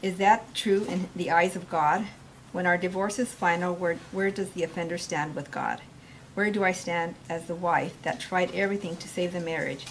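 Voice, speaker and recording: Soft-spoken woman reading out questions. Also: fairly low pitch, fairly even intonation, normal speed, slight background noise, rough recording. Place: meeting room.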